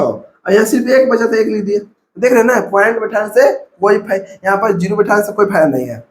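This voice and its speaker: Man, Bihari Hindi accent, math teacher, high voice, echoey room, counts steps aloud. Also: slight background noise. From India. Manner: step-by-step coaching, repeats numbers aloud. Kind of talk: classroom math lesson.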